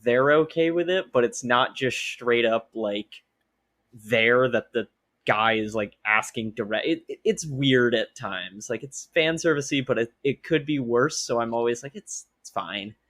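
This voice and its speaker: A man's voice: mid-range voice, measured pace, fairly bright tone. A man hosting a podcast in casual chat, rambling with lots of fillers. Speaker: podcast host.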